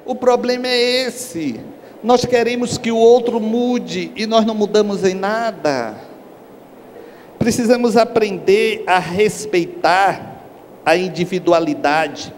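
A man's voice: high voice, slow pace. A middle-aged man giving a spiritual lecture on a stage, telling stories and acting out the people in them. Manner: lively storyteller, acts out characters. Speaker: spiritist speaker. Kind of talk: lecture with acted anecdotes. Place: large hall on a stage. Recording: echoey hall, faint background hiss.

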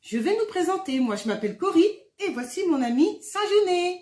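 Gentle woman hosting a children's show. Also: very high-pitched, very animated, fairly quick, a little hiss or hum. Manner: gentle, addresses children directly. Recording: roomy echo.

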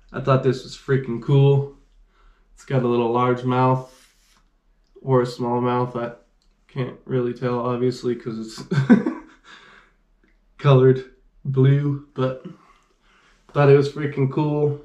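A man in his thirties hosts a casual fishing unboxing vlog from a small indoor gear room, and the space gives his mid-range voice a roomy sound. His delivery is laid-back and rambling, with "freaking" cropping up a lot.

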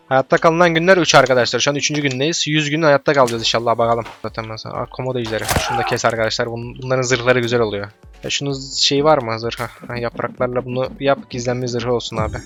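A man talks his way through a survival game at a brisk clip, chatting straight to his viewers. He gets loud and excited when enemies show up and swears at them. Faint music plays under his voice. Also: mid-range voice. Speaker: let's play gamer. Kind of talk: casual gameplay commentary.

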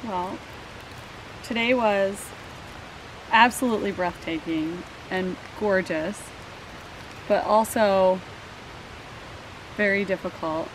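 A woman adding her thoughts to a hiking recap at an outdoor campsite, slow and thoughtful. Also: medium pitch. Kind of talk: casual chat. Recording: outdoor hiss, a little off-mic.

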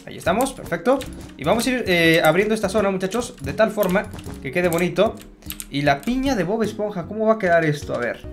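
A man's voice: sits high, animated, fairly quick. Brief: male gamer, casual running commentary, chatty and self-deprecating, faint music behind. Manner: self-mocking, chatty, addresses viewers as "muchachos". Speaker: Minecraft gamer.

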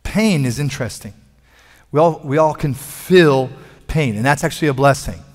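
A man's voice: medium pitch, expressive, moderate pace. A middle-aged man preaching a sermon from a church stage on a headset mic, with emphatic, repetitive phrasing that builds in force. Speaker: pastor. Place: large church stage, indoors. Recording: long hall reverb.

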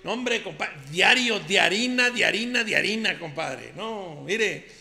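A man's voice: high voice, animated, unhurried, gravelly, bright, forceful tone, in a large hall, exaggerated voice. A Mexican man playing a boastful, henpecked macho ranchero who rambles through defensive denials. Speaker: comedian.

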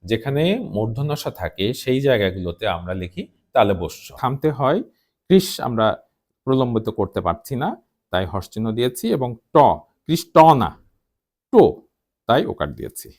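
A man teaching a Bengali pronunciation lesson, sounding out words slowly syllable by syllable. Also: fairly low pitch, lively intonation, darkish tone. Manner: slow, deliberate syllable-by-syllable explanation.

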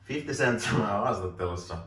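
A man's voice: on the low side, lively intonation, a bit bright. A man in his twenties hosting a casual joking interview, laughing often and reading questions off a phone in a small room. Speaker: host asking questions. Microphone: camera mic from a distance. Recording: roomy distant camera audio, faint hiss.

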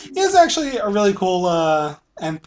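A man's voice: sits high, big pitch swings, normal speed, a little hiss or hum. A man giving casual commentary over his own video game playthrough, swearing freely. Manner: frequent swearing.

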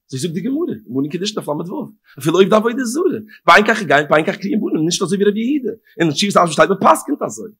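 A rabbi, a man, teaches a Torah lecture in a high, bright voice with a husky edge. His tone swoops widely, chanting verses in a sing-song and moving between near-whispers and forceful peaks. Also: very animated, quick pace, hardly any pauses. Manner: swings from hushed murmurs to emphatic outbursts.

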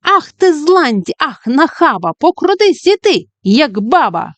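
A woman voicing a stern, sly old witch who scolds and taunts in a shrill voice. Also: lively intonation, measured pace, clean tone, no echo. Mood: shouting.

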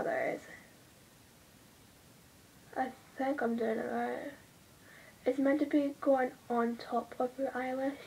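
A woman's voice: sits high, gravelly, husky. A woman vlogging from her bedroom, chatting in a rambling way and muttering asides to herself, with a TV playing in the background. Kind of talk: casual chat while doing makeup. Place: bedroom at home.

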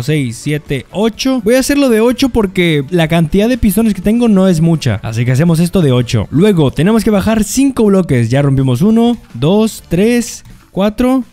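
A young man giving excitable gameplay commentary and a building tutorial, repeating words in quick bursts. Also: on the high side. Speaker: gaming creator.

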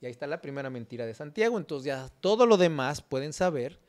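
A man's voice: on the high side, animated, fast, a little mellow. Explaining man. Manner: explanatory, insists on being understood. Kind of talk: entertainment gossip talk.

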